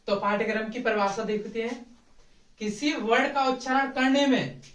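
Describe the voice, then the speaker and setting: A man's voice: sits high, fairly bright tone. A male teacher giving a grammar lesson in Hindi, often asking a question and then answering it himself. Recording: echoey classroom from far off.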